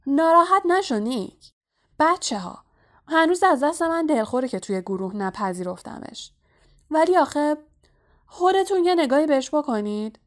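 A woman's voice: fairly high pitch, animated, few pauses, close to an everyday voice. A woman voicing a boisterous, mocking headless male ghost in a storybook reading. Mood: jeering. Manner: loud, mocking, hearty.

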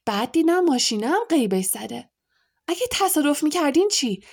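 A woman voicing a stout witch mother who scolds her sons in a loud, high, shrill voice. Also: expressive, vocal fry, heavily acted. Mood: angry scolding. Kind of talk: audiobook character voice.

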